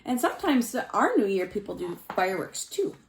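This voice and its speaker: Her mid-range voice swings widely in pitch and runs a bit fast, with a faint hiss or hum in the audio. As a teacher reading a picture book to small children, she stops for simple explanations, highlights key words, and speaks to the kids directly with questions.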